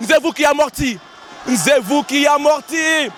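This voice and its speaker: A man with a hoarse voice, giving live, excitable commentary at an outdoor wrestling gala and often repeating his lines. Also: extremely high pitch, a little slow, slight background noise. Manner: excitable, shouting, repeating phrases. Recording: outdoor event with loud crowd and music.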